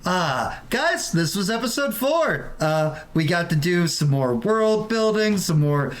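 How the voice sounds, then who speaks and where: A man's voice: high-pitched, very animated, slow pace. A man speaking casually as game master, narrating and chatting with the players.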